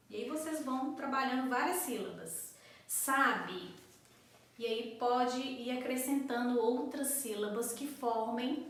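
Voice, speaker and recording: Brief: woman coordinator, slightly high voice, patient step-by-step teaching, distant mic in a very echoey room. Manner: patient, explains step by step, claps out syllables. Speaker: school coordinator. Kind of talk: instructional explanation for parents.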